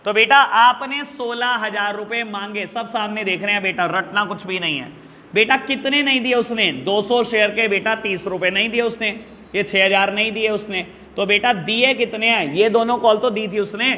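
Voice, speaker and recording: Male teacher, high piercing voice, fatherly scold who keeps quizzing the class, echoey room with a long tail. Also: normal speed, sharp tone. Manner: scolding, fatherly, calls students son, rhetorical questions. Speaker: accounts teacher. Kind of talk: classroom lecture. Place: classroom with students.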